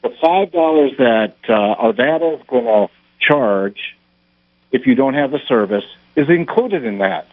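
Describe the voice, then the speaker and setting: A man phoning a talk show to give his opinion in a halting, argumentative way, sounding as if he is inside a metal tank. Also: medium pitch, expressive, dry recording. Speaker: radio show caller. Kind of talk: casual phone-in opinion. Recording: hollow, tinny phone line with hum.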